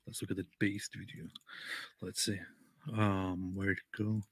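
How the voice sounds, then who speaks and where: A man hosting a livestream reaction to clips in a low voice. He talks in a relaxed way and repeats his phrases. The sound is dry and close. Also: a little slow, no room sound. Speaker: livestream host. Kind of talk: casual reaction commentary.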